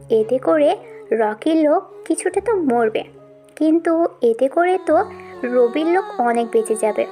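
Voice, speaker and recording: A woman narrating a dramatized audio story in a steady storytelling way. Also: high-pitched.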